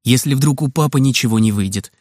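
A man narrating a children's story in the first person, in a lively manner. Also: mid-range voice, quick pace, dry recording, clean studio sound.

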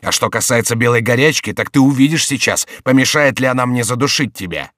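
A man's voice: low-pitched, fairly quick, a bit bright, no echo, clean studio sound. A man voicing an enraged, scheming male lawyer who questions a captive in a harsh, menacing tone. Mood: furious.

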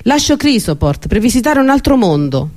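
A man's voice: extremely high pitch, sing-song, moderate pace, voice pushed up. A man reading an Italian novel aloud, voicing an eager young man who pleads to leave home. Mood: pleading.

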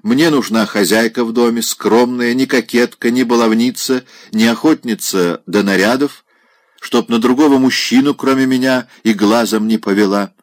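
A man voicing a coarse older male general who loudly mocks a lady with a marriage proposal, in an audiobook reading. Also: medium pitch, fairly even intonation, dry recording, clean studio sound, voice pushed up, natural voice. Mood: mocking. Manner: loud, mocking, drawn-out exclamations.

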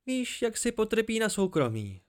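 A man's voice: high-pitched, very animated, pitched above the performer's own voice. A man voicing a proud, secretive young woman in an amateur audiobook, raising his voice to play her. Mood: animated.

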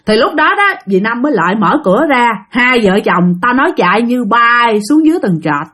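Brief: woman, ghost-story narrator, slightly high, very animated delivery, talks to listeners. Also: fairly quick. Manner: animated, addresses listeners directly, imitates knocking sounds.

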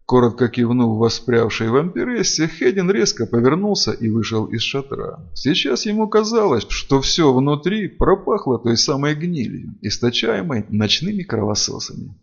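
Gravelly male audiobook narrator. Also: medium pitch, normal speed, hardly any pauses. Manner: expressive, dramatic. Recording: dull lo-fi audio.

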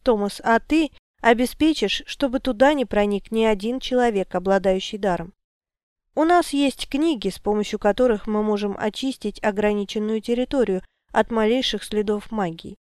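A woman reading the lines of a calm, resolute male wizard in an audiobook, with a firm, declaring manner. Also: medium pitch, moderate pace, clean tone, dry recording, studio quality, natural voice. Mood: solemn.

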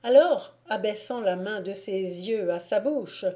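Slow, mellow woman reading an audiobook. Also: mid-range voice. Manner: calm, measured reading. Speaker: audiobook reader. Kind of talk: audiobook narration.

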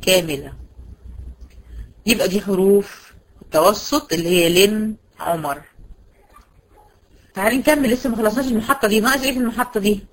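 An Egyptian woman teaching Quran recitation leads a brisk tajweed session, asking her students questions, answering them herself, and slowing to draw out example words. She speaks in a mid-range voice, and the audio is poor.

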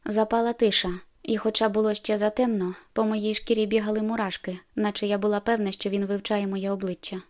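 A woman narrating a first-person audiobook in a steady, measured way. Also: medium pitch.

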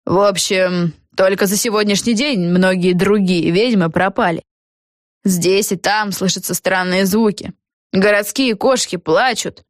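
A scheming witch ringleader addresses the crowd in slow, commanding, measured speeches, relishing her power, as a woman reads her. The pitch is mid-range, and the recording is close and dry. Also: fairly even intonation, no echo, lightly acted. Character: scheming witch girl leader, gloating ringleader.

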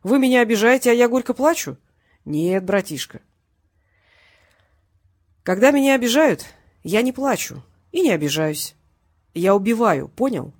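A woman's voice: on the high side, very animated, normal speed, pauses often, no room sound, studio quality. A woman reading a cocky male hitman who makes threats in a genial, mocking tone, in an audiobook.

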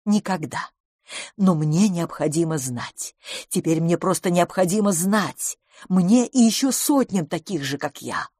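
A timid middle-aged spinster, as a woman narrator puts her on pleads earnestly in a low, hushed voice. Her tone sits a little deep and is recorded close and dry. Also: expressive, a little slow, breathy edge, dry recording. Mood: pleading.

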